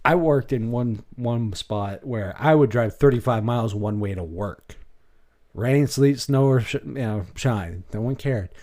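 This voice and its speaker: A man's voice: medium pitch, unhurried, darkish tone. Exasperated man with a Maine accent. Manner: blunt, exasperated, rambling. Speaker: reaction video host. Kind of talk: casual reaction commentary.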